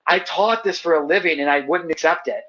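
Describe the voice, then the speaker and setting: High-voiced passionate man, casual and emotional. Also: brisk, fairly bright tone, highs cut off. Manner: passionate and heartfelt, casual slangy speech. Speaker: podcast guest, manifestation teacher. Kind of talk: emotional personal storytelling in conversation.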